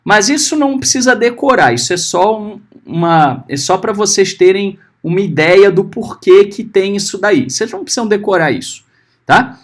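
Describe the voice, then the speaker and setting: Man, teacher, patient, lively intonation, checks understanding often, sounds out syllables. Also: high-pitched. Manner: slowly sounds out letters and syllables. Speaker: Hebrew teacher. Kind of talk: recorded class lesson.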